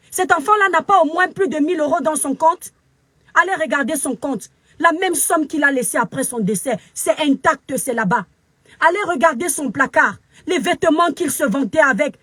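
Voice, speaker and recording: Woman w cameroonian french accent, super high pitched, very upset, scolding into her phone, dry sound. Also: a bit bright, no room sound. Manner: scolding, preachy, emphatic repetition. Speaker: social media commentator. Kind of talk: angry live video rant.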